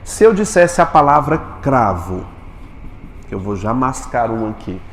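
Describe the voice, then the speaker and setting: A Brazilian man lectures a class as their teacher, tossing quick questions to the students between explanations. His voice rings through a roomy classroom with a long reverb tail, and faint noise hums underneath. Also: mid-range voice, very animated. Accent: Brazilian Portuguese.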